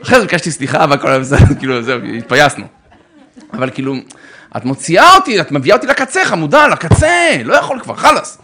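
A man giving theatrical, animated advice on marriage, acting out arguments and calling listeners brother. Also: fairly high pitch. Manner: theatrical, acts out both sides of arguments, bursts into shouts; addresses listeners warmly as brother. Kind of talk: animated religious talk on relationships.

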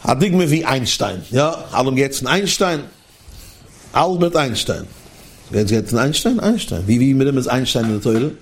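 Lively man preaching with lilt. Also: mid-range voice, moderate pace. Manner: lively, questioning, sing-song delivery. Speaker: religious teacher. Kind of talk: sermon to listeners.

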